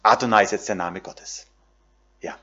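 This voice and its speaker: A man's voice: on the low side, moderate pace, sharp tone, husky, highs cut off. A man preaching a sermon, addressing the congregation directly with frequent fillers and tag questions.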